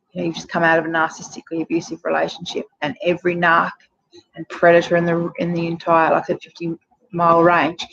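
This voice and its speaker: Woman, 40s, lowish voice, chatty and frank, advice vlog, muffled lo-fi sound. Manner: frank and chatty, heavy with fillers. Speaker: relationship advice vlogger. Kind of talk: casual direct-to-camera advice. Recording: dull lo-fi sound with faint noise.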